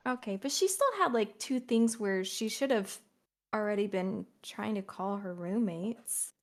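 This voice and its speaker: A woman co-hosting a podcast in casual chat, asking questions and telling lively anecdotes. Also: mid-range voice, unhurried. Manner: animated, questioning, tells funny anecdotes. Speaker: podcast co-host.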